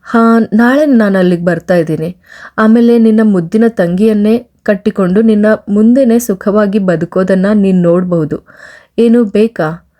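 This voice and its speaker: A man's voice: high-pitched, normal speed, mellow, natural voice. A woman voicing a bitter young man who teases and taunts his former love on a phone call, in a sarcastic way. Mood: teasing. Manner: teasing, sarcastic.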